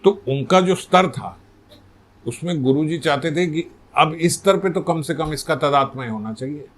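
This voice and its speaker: A male spiritual teacher narrates a devotional story in a relaxed, conversational sermon. His voice sits fairly high. He often turns to the listeners with rhetorical questions. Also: moderate pace. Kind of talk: religious katha sermon.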